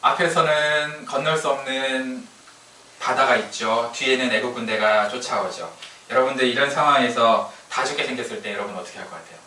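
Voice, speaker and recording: Bright, jokey pastor. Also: male voice, mid-range voice, fairly quick, slight background noise. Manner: chatty, humorous storytelling with laughs. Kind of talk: sermon. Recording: echoey room from a distance.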